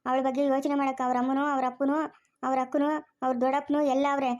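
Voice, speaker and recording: A woman playing a sharp-tongued grandmother who scolds her daughter-in-law, speaking rural Chikkaballapur Kannada. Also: high-pitched, completely flat delivery, close to an everyday voice. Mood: lecturing. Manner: scolding, rapid and raised. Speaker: grandmother character. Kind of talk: family drama acting.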